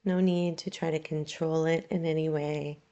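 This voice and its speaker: A woman guides a yoga nidra relaxation meditation in a low voice, calm and soothing, never hurrying and leaving long pauses.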